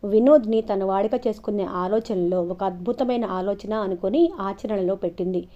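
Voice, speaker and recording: A woman storyteller narrating an audio novel in an expressive, steady way, in a dull lo-fi recording. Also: mid-range voice, moderate pace.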